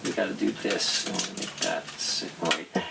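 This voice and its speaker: A man's voice: low voice, sing-song, a little fast, vocal fry, very noisy. A man casually talking his way through a bike build, rambling and muttering to himself as he tinkers. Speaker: BMX shop founder building a bike. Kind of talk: casual running commentary while working. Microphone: action camera mic.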